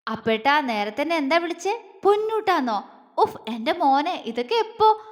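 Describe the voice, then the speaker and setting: A woman's voice: sits high, very animated, normal speed. Spirited young woman, as a narrator voices her. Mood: teasing. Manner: coy then fierce. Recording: long reverb.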